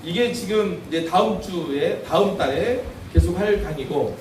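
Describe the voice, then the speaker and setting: A man's voice: high voice, moderate pace, a little mellow. A man giving a parenting lecture, telling humorous stories and acting out voices. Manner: humorous storytelling with acted voices. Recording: echoey room from far off, faint noise.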